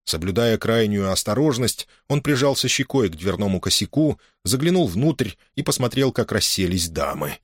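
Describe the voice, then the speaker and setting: A man narrating a historical novel in an expressive, dramatic reading style. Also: on the low side, normal speed, few pauses, breathy edge, no room sound, studio quality. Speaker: audiobook narrator. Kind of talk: scripted narration.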